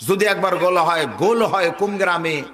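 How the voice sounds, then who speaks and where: A man's voice: sits high, fairly even intonation, normal speed, bright, forceful tone, big-room sound. A man from Bangladesh with a northern Bangladeshi Bengali accent, preaching a waz sermon to a crowd, urging them to call back and mimicking regional dialects. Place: outdoor religious gathering over loudspeakers.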